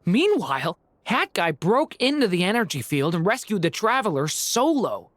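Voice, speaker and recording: A woman's voice: mid-range voice, very animated, moderate pace, close to an everyday voice. An actress playing a curious, thoughtful young woman in a video game.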